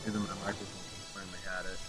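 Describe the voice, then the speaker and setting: A man chatting on a podcast, his voice muffled and faint as if heard through a wall, halting and unsure. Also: low voice, flat delivery, loud music behind the voice. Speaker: podcast co-host. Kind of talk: casual chat. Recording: quiet, muffled microphone feed.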